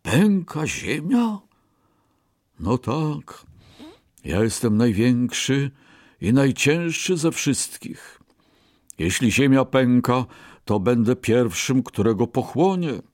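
A man voicing a huge sleepy elephant that gets frightened, talking slowly in a raised voice. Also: mid-range voice, big pitch swings, dry recording, clean studio sound. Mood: worried.

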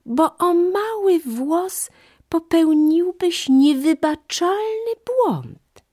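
A woman voicing a clever, cautious female monkey in a high, excitable voice. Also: extremely slow, full character voice. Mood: cunning.

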